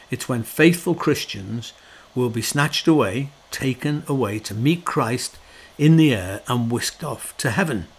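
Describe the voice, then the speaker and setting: A middle-aged man talks through a long, reflective monologue in a loose, conversational way. He leans on fillers and restarts, and his voice carries a wry, sorrowful edge. His pitch sits at an ordinary middle level. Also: slightly rough.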